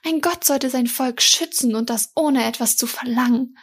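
A woman's voice: high-pitched, moderate pace, slightly rough. A woman reading the lines of an indignant young companion, speaking through gritted teeth.

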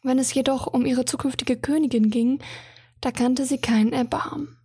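A woman reads a romantic fantasy story aloud with a calm, even delivery. Her voice sits high and has a breathy, husky edge. The sound is dry and close to the mic. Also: normal speed, no room sound. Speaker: narrator.

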